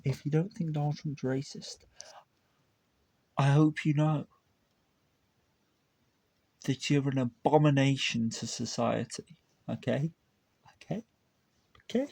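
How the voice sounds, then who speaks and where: A man's voice: mid-range voice, steady tone, slow pace, creaky, long pauses, a little mellow, breathy edge. A man hosting a reaction video, talking over a played clip in a heated, incredulous way. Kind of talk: casual reaction commentary.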